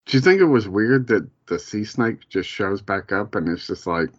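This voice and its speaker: Guy rambling about a show, swears a lot, hiccups, lowish voice, muffled lo-fi audio. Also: animated, moderate pace, no echo. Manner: rambling, laughing, swearing, searching for words. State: has the hiccups. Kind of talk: casual chat. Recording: dull, lo-fi sound.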